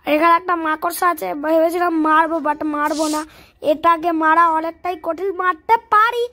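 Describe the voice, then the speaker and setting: A woman's voice: very high-pitched, steady tone, a little fast, pushed and bright. A woman giving casual gameplay commentary as a channel host, chatting to viewers and taunting and calling out to the game's villain.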